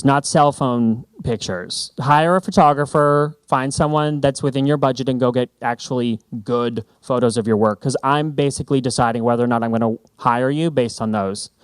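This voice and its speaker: A man giving a lively, joking presentation on stage. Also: a little high, clear, resonant tone, no echo. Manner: animated, joking, emphatic. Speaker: branding speaker. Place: conference stage.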